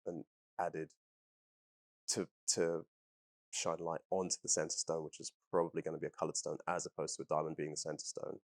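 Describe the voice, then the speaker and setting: Deep-voiced man, rambling and relaxed. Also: normal speed. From Trinidad and England. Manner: relaxed, rambling with many ums and restarts. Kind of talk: casual interview talk.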